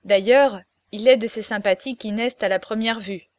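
A woman reading a classic novel aloud as narrator, with lively, expressive storytelling. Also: mid-range voice, normal speed, no echo.

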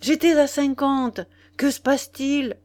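A woman reading aloud and voicing a bold, flamboyant young woman at the races, in a loud, exclaiming voice. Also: sits high, fairly even intonation, measured pace, pitched above the performer's own voice. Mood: astonished.

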